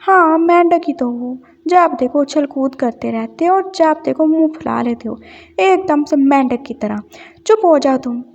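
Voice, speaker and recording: A woman's voice: high voice, lively intonation, measured pace, darkish tone. A woman voicing a playful young man who teases his friend. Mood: teasing. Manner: teasing. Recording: dull lo-fi sound.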